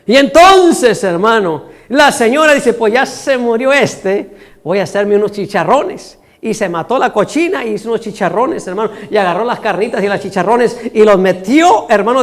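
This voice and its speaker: High-voiced, folksy preacher. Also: male voice, big pitch swings, moderate pace, few pauses, a bit bright. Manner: folksy, laughing, keeps saying "hermano". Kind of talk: storytelling sermon.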